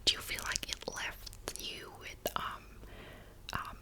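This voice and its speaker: Woman playing a whispering therapist, actively listening. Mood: patient, attentive. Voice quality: breathy unvoiced whisper. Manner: active listening, gentle probing questions with pauses. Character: attentive, patient female psychologist in a therapy session. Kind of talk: whispered role-play.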